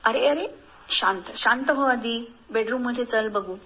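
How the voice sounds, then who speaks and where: A woman's voice: a little high, unhurried, sharp tone, low-quality recording. Woman doing a reassuring young army husband.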